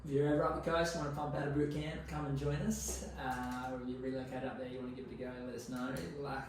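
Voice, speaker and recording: A man's voice: mid-range voice, little pitch movement, quick pace. A man in his twenties with an Australian accent chats casually as an interview guest, in a laid-back, slangy, sweary way. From Queensland, Australia. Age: 20s. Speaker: podcast guest. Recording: very echoey, distant mic, noisy room.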